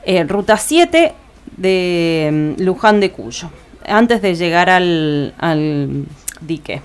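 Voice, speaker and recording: A woman's voice: on the low side, lively intonation, very slow, clean tone. A woman with an Argentine Spanish accent, co-hosting community radio and reading out the week's events agenda, with frequent "eh" fillers and self-corrections. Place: radio studio.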